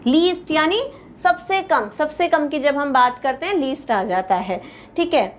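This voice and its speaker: A woman with an Indian accent teaching English grammar in a patient classroom lecture, repeating word lists slowly and calling her students "beta". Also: sits high, animated, slight background noise.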